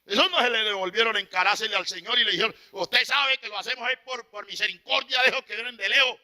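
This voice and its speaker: A man preaching an impassioned sermon, swinging from loud exclamations to hushed, pleading asides. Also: high voice, steady tone, fast.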